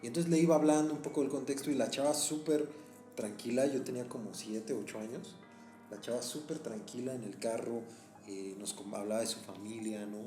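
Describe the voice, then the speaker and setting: Mexican male guest, mid pitch, animated casual storyteller, echoey room. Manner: animated, laughs often, frequent "¿no?" tags. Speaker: podcast guest teacher. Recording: echoey room, faint music.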